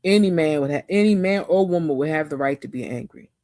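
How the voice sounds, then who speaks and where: A woman giving a casual, animated, slangy recap of a TV episode as a show reviewer. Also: low-pitched, fast, no echo, clean studio sound.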